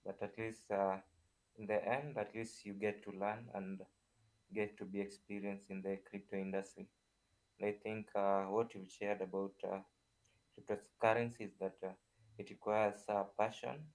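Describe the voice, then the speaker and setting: A man's voice: fairly low pitch, level tone, normal speed, a little mellow, rough recording. A man hosting an online community audio event off the cuff, polite and hesitant. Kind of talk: unscripted hosting.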